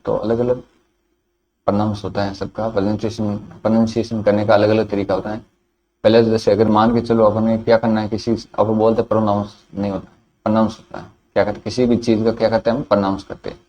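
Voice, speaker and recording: A man's voice: lowish voice, level tone, brisk, warm tone, dull audio, a little hiss or hum. A man with a Hindi accent teaching English vocabulary in a classroom lecture, repeating each word and answering his own questions.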